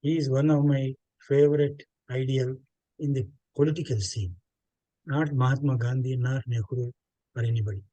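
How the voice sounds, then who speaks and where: A man's voice: medium pitch, fairly even intonation, normal speed, dark tone, no echo, rough recording. An older man from India, a native Telugu speaker with a South Indian accent, answering interview questions in an expansive, explanatory way with emphatic repetition. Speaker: interview guest. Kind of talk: reflective interview talk with anecdotes.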